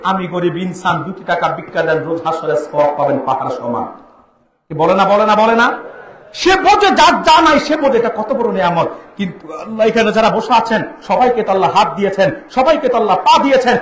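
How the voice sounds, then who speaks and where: A man preaching an impassioned sermon to a large gathering, calling out questions to the crowd and rising into shouts and chanted verses. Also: high-pitched. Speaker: Islamic preacher. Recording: echoey amplified venue.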